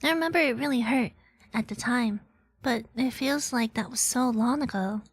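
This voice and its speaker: A woman reading the lines of a wistful young heroine back from the dead, soft and earnest. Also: a little high, normal speed, slightly rough, dry recording.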